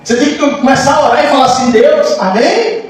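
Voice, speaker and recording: A man, a pastor, preaching a sermon with passion, moving between soft lines and shouts. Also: very high voice, fairly even intonation, rapid-fire, faint music behind. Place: church hall. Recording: echoey church hall, mic far off, faint noise.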